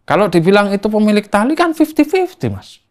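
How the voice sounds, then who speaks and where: A man's voice: high-pitched, fairly quick. A man from Solo, a spiritual teacher telling stories as an interview guest, acting out dialogue and sound effects. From Solo, Central Java. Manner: acts out dialogue and sound effects, lively storyteller. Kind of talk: animated storytelling in a talk show interview.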